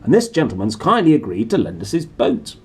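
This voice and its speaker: Storybook role: bossy middle-aged uncle, performed by a man, loud, gleeful, husky, swinging upward in pitch. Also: wildly swooping pitch, brisk, heavily acted. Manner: loud, gleeful, forceful exclamations. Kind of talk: children's storybook character voice.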